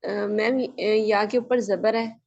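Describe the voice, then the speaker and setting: A woman's voice: medium pitch, steady tone, slow, darkish tone. A woman student answering her teacher hesitantly over a video call. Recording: dull video call audio.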